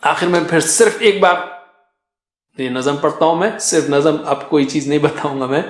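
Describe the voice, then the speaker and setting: A man teaching Quran recitation, explaining patiently and chanting letter sounds in a sing-song rhythm. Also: fairly high pitch. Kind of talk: teaching lesson with chanted drills. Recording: echoey room.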